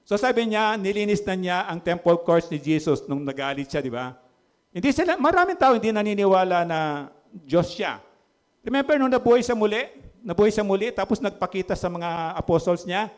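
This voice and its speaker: A middle-aged man with a Filipino accent, preaching a lively sermon in a church hall and asking the congregation questions. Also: high-pitched, a little fast. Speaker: pastor.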